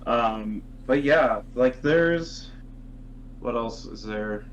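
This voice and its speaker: A man's voice: mid-range voice, extremely slow. A man co-hosting a podcast, griping casually and profanely about his work. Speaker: podcast co-host. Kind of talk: casual chat. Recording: dull mic with faint hum.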